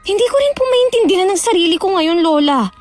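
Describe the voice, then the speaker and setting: A woman's voice: extremely high pitch, animated, fast talker, faint music behind, voice pushed up. A woman voicing a troubled schoolgirl in a horror audio drama, sullen and frightened, snapping back at her grandmother. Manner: sulky, pleading, snaps back.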